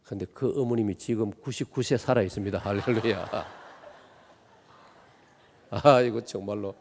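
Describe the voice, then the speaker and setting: A man's voice: fairly low pitch, moderate pace, vocal fry, darkish tone, slight background noise. A man in his sixties from Gimhae with a Gyeongsang accent, preaching a revival sermon as a guest pastor and pressing the congregation with emphatic rhetorical questions. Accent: Gyeongsang Korean. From Gimhae, South Korea. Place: church sanctuary. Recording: long church hall reverb.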